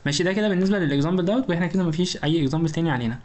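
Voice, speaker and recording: A man with an Egyptian Arabic accent explains engineering material at a rapid clip, in a slightly high voice. He speaks straight to the student and keeps asking rhetorical questions to check that they follow. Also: darkish tone. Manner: informal, talks directly to the student. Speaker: engineering lecturer. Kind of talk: recorded lecture explanation.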